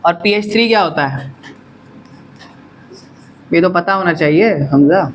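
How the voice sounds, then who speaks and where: A man's voice: high-pitched, measured pace, slight background noise. Man teaching chemistry to a class. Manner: quizzing students, answering own questions. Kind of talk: classroom lecture.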